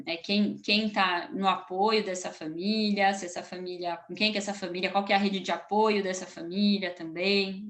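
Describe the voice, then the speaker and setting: A woman's voice: on the low side, a bit bright. Chatty Brazilian woman giving family advice. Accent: Brazilian Portuguese. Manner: conversational, often ends with a tag question, thinks aloud with restarts. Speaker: family and baby routine consultant. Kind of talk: casual advice talk to camera.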